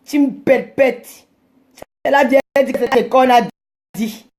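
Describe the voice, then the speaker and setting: A woman hosting a live stream, ranting and scolding her rivals combatively, sometimes shouting. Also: sits high, fairly even intonation, unhurried.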